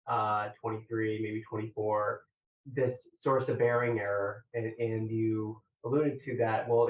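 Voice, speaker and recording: A man giving technical feedback and questions as an examiner, halting, measured and collegial, over very echoey, distant remote audio. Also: on the low side, narrow, tinny audio, slight background noise. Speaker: examiner questioning a thesis candidate.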